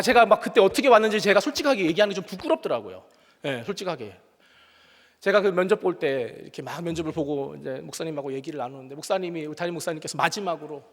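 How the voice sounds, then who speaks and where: A man preaching a sermon as a pastor, telling stories earnestly, sometimes exclaiming loudly and sometimes quietly confessing. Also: a little high. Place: church sanctuary. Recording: long reverb of a church hall.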